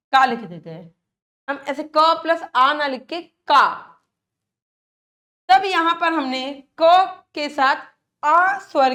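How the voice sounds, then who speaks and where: A woman's voice: high-pitched, pushed and bright. A woman teacher giving a grammar lesson to children, asking questions and answering them herself, often repeating a checking phrase and drawing out vowel sounds to show them. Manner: addresses children, asks and answers own questions, repeats with "theek hai"; draws out vowel sounds to demonstrate. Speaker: school teacher.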